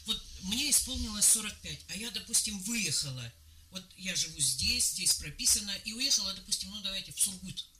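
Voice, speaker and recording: A woman hosts a radio interview in a chatty, down-to-earth way. She puts her questions through everyday what-if examples. A clear layer of noise runs under her voice. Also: medium pitch, lively intonation, a little fast. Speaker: radio host.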